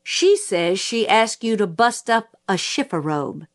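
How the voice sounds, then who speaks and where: A woman's voice: medium pitch, very animated. Woman playing a sneering prosecutor. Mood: scornful. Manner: slow, cutting, rising in outrage. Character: stern male prosecutor, sneering and scornful.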